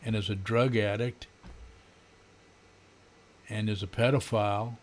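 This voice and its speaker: An older American man in his seventies giving an unscripted, sardonic, grumbling rant in a halting way, often clearing his throat. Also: lowish voice, fairly even intonation. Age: older, around 70s. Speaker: political vlogger. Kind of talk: unscripted political rant to camera. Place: small home room, indoors. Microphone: desk condenser microphone.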